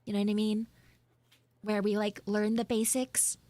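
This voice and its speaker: A woman livestreams as a VTuber, improvising audio roleplay as a flustered, tsundere tomboy schoolgirl who gets dramatically and whinily exasperated. Her voice is mid-range and warm, with little pitch movement, at a normal speed. There's no room sound.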